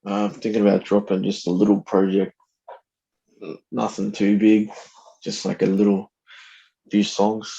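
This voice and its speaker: Flat, mellow, laid-back man. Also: lowish voice, measured pace, creaky, pauses often, highs cut off. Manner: laid-back, slangy, loosely phrased. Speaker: podcast guest, rapper. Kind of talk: casual chat.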